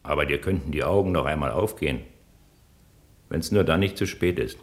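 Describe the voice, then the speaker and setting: An actor playing a blind, bitter wounded soldier who speaks in a gruff, blunt, contemptuous way, in a 1960s radio drama. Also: male voice, very deep voice, fairly quick. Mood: scornful.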